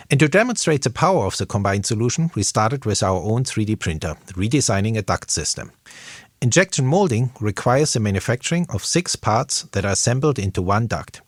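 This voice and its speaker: A man speaking in a recorded voice message played back, giving a prepared business statement in a steady, read-out way. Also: lowish voice, no echo, studio quality. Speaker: industry team lead.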